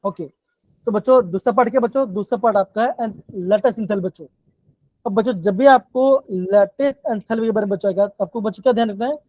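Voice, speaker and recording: High-voiced male chemistry teacher, repetitive. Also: fairly quick, mellow, dry recording. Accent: Himachali Hindi. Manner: repetitive, keeps calling the students "बच्चों". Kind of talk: live online class lecture. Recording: dull, dry low-fi online class audio.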